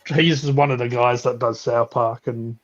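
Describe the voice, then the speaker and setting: A man's voice: medium pitch, steady tone, measured pace. Rambling man on lo-fi stream audio. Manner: rambling, laughs often, restarts words. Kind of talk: casual chat.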